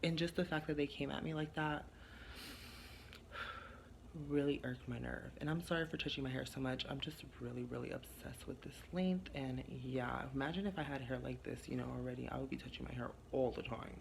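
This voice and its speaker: A sassy man rambles casually to his viewers, filling his sentences with fillers and blunt asides. His voice is gravelly with a steady fry, set at an average pitch. A faint hiss of background noise sits under it. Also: fairly quick. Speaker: vlogger. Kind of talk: casual vlog talk to camera. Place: his garage.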